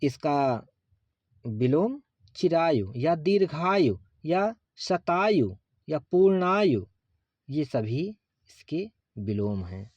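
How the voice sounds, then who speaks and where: A male teacher slowly reciting pairs of opposite words for an exam class, repeating each one deliberately and calling his students friends. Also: on the high side, very animated, darkish tone, no room sound, highs cut off. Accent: Hindi. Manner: slow, deliberate drilling of word lists, addressing students as friends.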